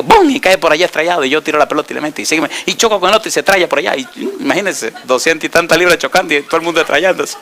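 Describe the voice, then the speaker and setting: A male pastor delivering an animated storytelling sermon, asking the congregation rhetorical questions. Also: fairly high pitch.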